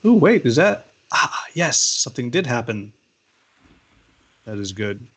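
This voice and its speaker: A man's voice: medium pitch, sing-song, measured pace, a bit bright. A man playing a board game with friends, teasing them and counting his moves aloud. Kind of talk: casual game-night chat.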